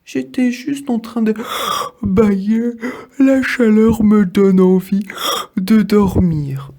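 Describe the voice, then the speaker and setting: A man's voice: high voice, slow pace, mellow, pitched above the performer's own voice. A man doing a stammering sheepish bird. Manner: stammering, embarrassed.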